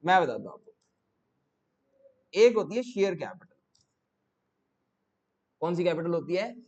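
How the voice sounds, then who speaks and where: A man's voice: high-pitched, big pitch swings, a little slow, a little mellow, dull audio. A male teacher giving a classroom lecture, repeating each question to his students and coaxing answers out of them. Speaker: commerce teacher.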